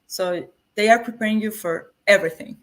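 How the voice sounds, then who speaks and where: A woman with a Mexican accent and a brisk, mid-range voice gives casual answers as an interview guest. She is a coding school graduate.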